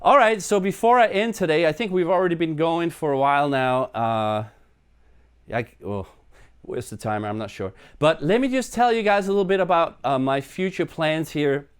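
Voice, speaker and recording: A man's voice: on the high side, moderate pace, clear, resonant tone. A man from Denmark, casually chatting to viewers on his live stream from his apartment, rambling and joking at himself. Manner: chatty, rambling, self-deprecating. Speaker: live stream host and musician.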